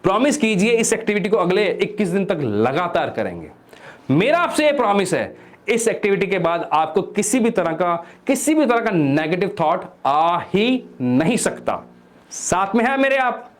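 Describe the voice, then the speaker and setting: A man from India giving an energetic motivational lesson, constantly asking the viewer questions. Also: sits high. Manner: reads English text slowly word by word. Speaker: motivational coach.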